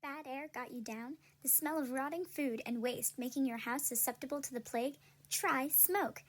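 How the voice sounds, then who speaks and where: Woman playing a high-voiced pharmaceutical ad pitchwoman. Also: normal speed, slight background noise, natural voice. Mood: persuasive. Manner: salesy, persuasive announcer delivery. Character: upbeat 17th-century female drug-commercial pitchwoman selling cures. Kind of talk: pharmaceutical ad parody, scripted sales narration.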